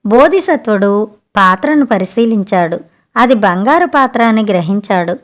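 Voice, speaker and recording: A woman narrating an audiobook fable in a steady storytelling manner. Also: medium pitch, moderate pace.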